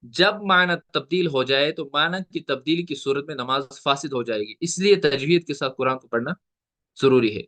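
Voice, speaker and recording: Bright-voiced man teaching. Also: on the high side. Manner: explains slowly, repeats points, mixes English words into Urdu. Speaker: tajweed teacher. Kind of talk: recorded online lecture.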